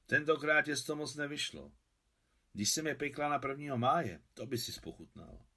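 A man's voice: fairly high pitch, animated, bright, forceful tone, husky, pitched above the performer's own voice, heavily acted. A man reading aloud and voicing a fussy, nagging old village woman. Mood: chiding. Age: older. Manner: scolding, fussy. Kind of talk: audiobook reading.

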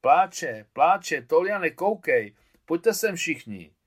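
A man doing an excitable young boy. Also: lowish voice, natural voice.

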